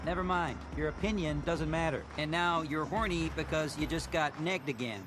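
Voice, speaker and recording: A man plays an arrogant vampire in a TV comedy, dismissive in tone. His voice is fairly high, with outdoor noise behind it. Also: normal speed, lightly acted. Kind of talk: TV comedy acting. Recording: traffic-like outdoor background noise.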